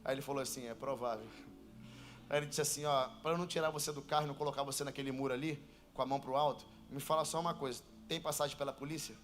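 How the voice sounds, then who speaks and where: A Brazilian pastor preaching a sermon in church, telling a story and building to shouted, sung preaching. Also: male voice, mid-range voice, fairly even intonation, racing, soft background music. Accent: Brazilian Portuguese.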